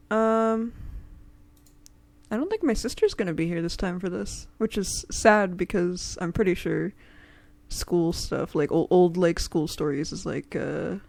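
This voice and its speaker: A woman's voice: lowish voice, measured pace, creaky, darkish tone. A woman hosting a casual stream chat, rambling with many fillers and frequent giggles. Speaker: streamer and host.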